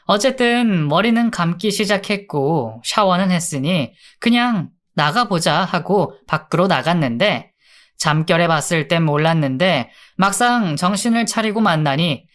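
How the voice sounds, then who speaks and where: A woman's voice: fairly low pitch, lively intonation, unhurried. A young adult woman narrating a true story for a radio drama in a conversational, polite tone.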